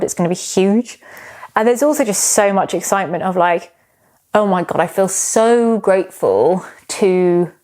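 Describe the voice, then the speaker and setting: A woman's voice: lowish voice, a little mellow. A British woman in her thirties, hosting a solo podcast and telling a personal story in a candid, rambling way, sometimes teary. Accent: British English. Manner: rambling, candid, swears casually. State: emotional, tearing up. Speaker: podcast host.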